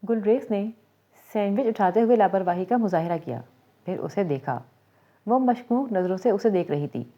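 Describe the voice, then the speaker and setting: A woman narrating a romantic novel in a steady, even reading voice. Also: medium pitch. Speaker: storyteller. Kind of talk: scripted story narration. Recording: dull lo-fi recording.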